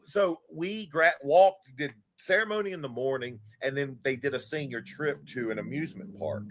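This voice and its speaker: A man in his forties talks as a guest in a casual livestream chat. His voice is bright and forceful, and his pitch rises and falls a lot. He tells stories candidly and swears freely. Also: normal speed, slight background noise. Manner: animated, candid storyteller who swears freely.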